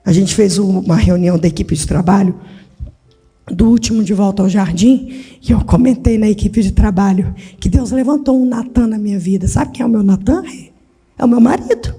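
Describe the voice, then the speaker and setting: A woman pastor preaching a dramatic sermon in a church, swinging from shouts to hushed tones. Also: mid-range voice, normal speed, husky, big-room sound, faint music behind. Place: church hall.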